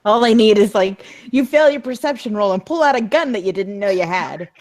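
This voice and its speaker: Playful female player, animated delivery. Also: mid-range voice, brisk. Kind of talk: tabletop role-play chat.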